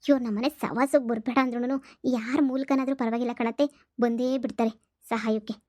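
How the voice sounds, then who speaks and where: A determined young daughter-in-law from a cartoon comedy, as a woman puts her on, speaking. Her voice is high and level, with a soft, mellow tone. The recording is dull and lo-fi. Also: steady tone, moderate pace, no echo, clean studio sound, lightly acted. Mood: resolute. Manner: plotting, resolute.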